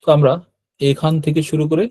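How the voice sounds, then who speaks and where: A man teaching an online lesson on writing characters step by step. He talks patiently, repeats each stroke, and often checks in with a quick "yes". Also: fairly high pitch, flat delivery, warm tone. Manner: patient, repeats steps, frequent "hyaan" checks. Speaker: Japanese language teacher. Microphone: computer mic while drawing with a mouse.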